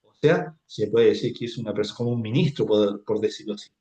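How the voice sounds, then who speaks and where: A man's voice: on the low side, fast talker, warm tone, echoey room, dull audio. A man teaching a Bible class, repeating himself and checking in with his students as he explains. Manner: repetitive, asks "¿cierto?" often. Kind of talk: classroom lecture.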